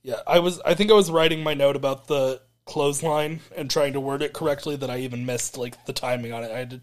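A man's voice: mid-range voice, fairly even intonation, fast talker. A man co-hosting a podcast, recapping a wrestling event in a rambling, hesitant way with frequent laughs. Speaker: podcast co-host.

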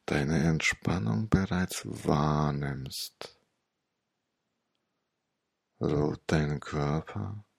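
Speaking extremely slowly with long pauses, a man tells a hypnotic meditation story in the style of an old sage. His low voice is gravelly, breathy, soothing and a little mellow, recorded close to the mic with no echo.

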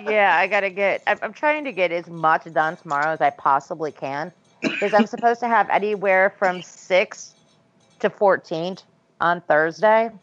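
A woman's voice: lowish voice, normal speed, fairly bright tone, dull audio. A woman from New York talking candidly in a casual group chat, with some cursing. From New York, United States.

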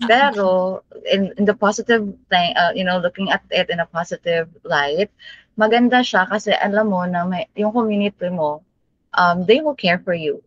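A woman with a Visayan accent co-hosting a casual podcast chat, speaking in a measured, thoughtful way. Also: fairly low pitch, no echo, dull audio. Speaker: podcast co-host.

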